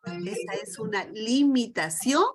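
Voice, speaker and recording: A middle-aged woman trains teachers over a video call. She speaks emphatically and keeps putting rhetorical questions to her group, with a voice of ordinary pitch. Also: expressive, unhurried, faint music behind. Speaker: teacher trainer leading a session.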